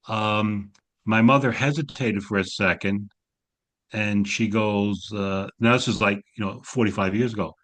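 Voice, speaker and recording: A man's voice: fairly low pitch, fairly bright tone. A man in his sixties with a slight New York accent, telling wry family stories on a video call during a class discussion. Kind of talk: storytelling in a Zoom class discussion.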